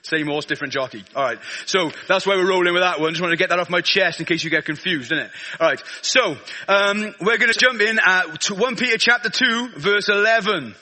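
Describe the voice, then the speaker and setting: Male guest preacher, South Wales Valleys accent, high forceful voice, colloquial and self-deprecating sermon delivery. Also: fairly quick, few pauses. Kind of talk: informal sermon.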